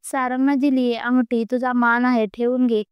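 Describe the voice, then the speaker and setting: Blunt, sarcastic man in a storybook romance, read by a woman, high and very clear, even delivery. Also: moderate pace, no room sound, dull audio, lightly acted. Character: blunt outspoken man, the groom's friend.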